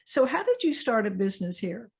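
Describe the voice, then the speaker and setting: A woman's voice: fairly high pitch, sing-song, a little fast, darkish tone, husky. A woman who hosts an interview show, reading a scripted introduction and then asking her guest questions. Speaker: host. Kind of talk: interview hosting.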